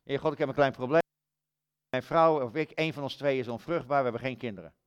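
A man's voice: medium pitch, quick pace, smooth, muffled recording, pitched below the performer's own voice, natural voice. A man voicing an elderly man in a retold story, hesitant and plaintive. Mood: worried.

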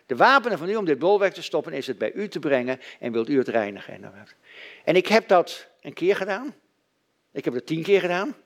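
A middle-aged man preaching a sermon, telling stories with dry, self-mocking humor. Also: fairly high pitch. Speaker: pastor.

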